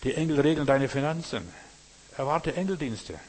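A man's voice: fairly high pitch, moderate pace, a little mellow, breathy edge. A man preaches in a loose, conversational way, drifting between Bible stories and his own anecdotes. He keeps checking in with his listeners, asking whether they follow him. His voice rings out with a long reverb, as in a large hall. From not from Berlin. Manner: rambling, keeps asking "verstehst du?". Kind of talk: informal sermon with Bible reading.

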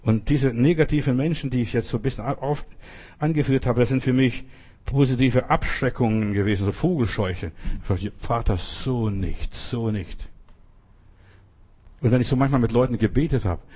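A man's voice: mid-range voice, fairly quick, a little mellow, husky. A man preaching in an informal sermon style, earnestly talking straight to the listener. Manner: earnest, addresses listener directly. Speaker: evangelist preacher.

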